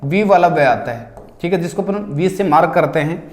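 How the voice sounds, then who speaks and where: A man's voice: on the high side, normal speed. A male teacher going through exam answers, asking questions and answering them himself. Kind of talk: exam solution lesson. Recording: echoey room.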